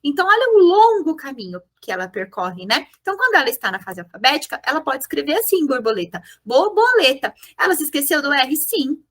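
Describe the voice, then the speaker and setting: Woman teaching a lesson, keeps checking "right?", bright voice, bounces up and down a lot. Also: sits high, very animated, fast talker, few pauses. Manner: didactic, checks in with "tá?" and "né?". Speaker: teacher educator. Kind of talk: explanatory video lesson.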